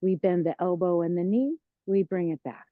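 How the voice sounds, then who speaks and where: A woman teaching a tai chi class, giving serene, encouraging, unhurried movement cues. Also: fairly low pitch. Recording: roomy, dull lo-fi sound.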